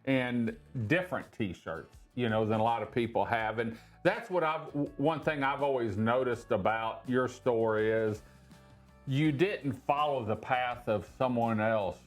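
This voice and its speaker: A mid-pitched man hosting a friendly local interview with upbeat, promotional energy. He steers the conversation and praises the shop. Light music sits faintly in the background. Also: measured pace. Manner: upbeat, promotional, guiding the talk. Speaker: interview host.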